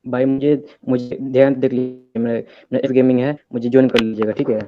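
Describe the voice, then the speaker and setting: A man calling in to an online debate on a headphone mic, quiet and agreeable. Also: mid-range voice, level tone. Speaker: caller. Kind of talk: call-in over an online stream. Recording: dull, lo-fi headset line with faint hiss.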